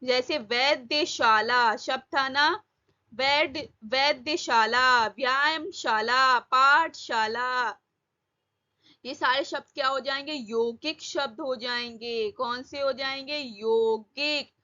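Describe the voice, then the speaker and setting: High, bright-voiced woman teacher, slow. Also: dull audio. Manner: repeats questions to students, drawn-out words. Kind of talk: exam-prep lesson.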